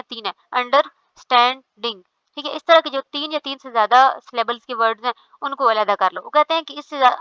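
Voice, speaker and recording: Bright, crisp woman lecturing step by step. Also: high voice, no room sound, lo-fi sound. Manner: explains step by step, often says "theek hai". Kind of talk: explaining a lecture.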